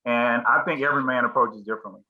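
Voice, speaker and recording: A middle-aged man leads a casual group chat over a video call, circling his points with plenty of ums and restarts. His voice sits at an ordinary middle pitch. The call audio sounds a little dull and lo-fi. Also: fast talker. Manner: rambling, many fillers and restarts.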